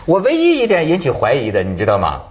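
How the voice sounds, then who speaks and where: A man on a talk show telling an animated story in casual chat, acting out both sides of a phone call. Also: medium pitch, fast talker. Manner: animated storyteller, acts out dialogue.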